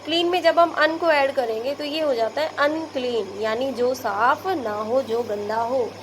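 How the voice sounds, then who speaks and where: A woman's voice: high voice, measured pace, noisy background. A woman teacher with an Indian Hindi accent, patiently explaining word prefixes to young pupils, repeating each example. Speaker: school English teacher.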